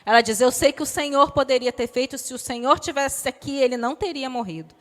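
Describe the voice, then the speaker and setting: Woman preacher, high voice, sermon, animated storytelling, echoing church hall. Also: a little fast. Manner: animated storytelling, acting out Bible dialogue.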